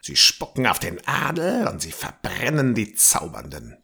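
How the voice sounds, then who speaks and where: A man's voice: on the low side, huge pitch swings, gravelly, bright, forceful tone, breathy edge, full character voice. Man doing a grumbling old bearded storyteller. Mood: grave warning. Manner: slow, grave warnings, sometimes dropping to a whisper.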